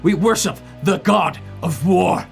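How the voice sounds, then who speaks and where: An indignant orc leader hungry for war, speaking with a zealot's conviction, as a man plays him. His voice sits a touch high for a man, over faint background music. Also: a little slow, creaky. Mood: zealous.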